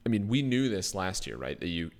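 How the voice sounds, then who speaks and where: A low-voiced man talks fantasy baseball in a loose, casual chat. His pitch swings widely, and he jumps between laughs and quick bursts of enthusiasm. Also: big pitch swings. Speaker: fantasy baseball podcast co-host.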